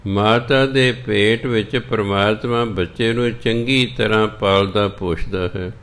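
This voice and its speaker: A man leads a slow, measured teaching sermon in a low voice. He chants scripture lines, then breaks each word down and repeats it carefully so listeners get the pronunciation right. He keeps an unhurried pace throughout. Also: a bit bright. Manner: measured, drills correct pronunciation by repeating words. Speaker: Sikh preacher teaching scripture recitation.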